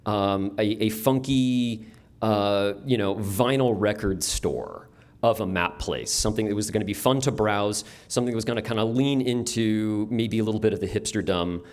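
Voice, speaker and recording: A man's voice: on the low side, normal speed. A young man from upstate New York, a map store owner giving a casual, wry conference talk to a room, with many ums and restarts. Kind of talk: conference presentation. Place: conference room before an audience.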